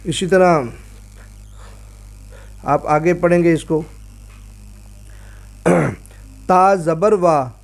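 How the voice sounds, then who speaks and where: A man teaching Quran reading in a recorded lesson, patiently sounding out each syllable slowly and drawing out the long vowels. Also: fairly high pitch, steady tone. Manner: clears throat now and then.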